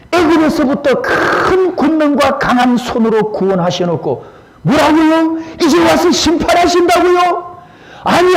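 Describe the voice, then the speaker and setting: A man's voice: extremely high pitch, very noisy, pitched above the performer's own voice. A man preaching voices Moses as an old male prophet, lamenting and pleading in an impassioned way.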